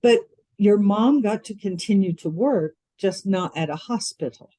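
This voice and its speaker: A woman hosting a podcast interview, reacting quickly and speaking with emphasis. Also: mid-range voice, mellow, dry recording. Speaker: podcast host. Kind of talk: casual interview conversation.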